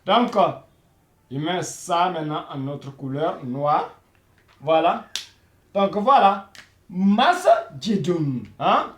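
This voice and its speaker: Guy teaching beginner arabic, high lively voice, slow and repetitive, echoey room. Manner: slow and repetitive, repeating each word many times; says "voilà" and "hein" constantly. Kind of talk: video lesson for beginners.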